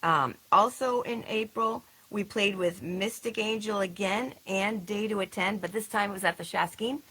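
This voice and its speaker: A woman co-hosting her band's livestream recap talks casually about past shows, sprinkling in fillers and laughter. Her mid-range voice is pushed, bright and slightly rough, moving at a moderate pace, and the recording is low quality.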